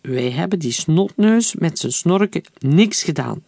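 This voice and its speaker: A man's voice: on the high side, expressive, unhurried, gravelly, a little mellow, dry recording, clean studio sound, full character voice. A man reading aloud, voicing a defiant, bitter captured soldier.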